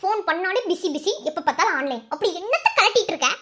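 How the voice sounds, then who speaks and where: A high, rapid cartoon girlfriend with a Madurai Tamil accent. She mocks and scolds with quick, sharp jabs. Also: very animated, full character voice. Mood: scolding. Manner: teasing, scolding, mocking. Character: sharp-tongued young woman scolding her boyfriend.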